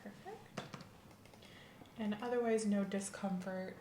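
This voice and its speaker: In a slow, mellow, mid-range voice close to her everyday one, a woman performs an ASMR medical roleplay as a courteous, reassuring female doctor giving a checkup. She sounds calm and attentive, asking methodical, polite, professional questions. The sound is roomy, with faint background noise.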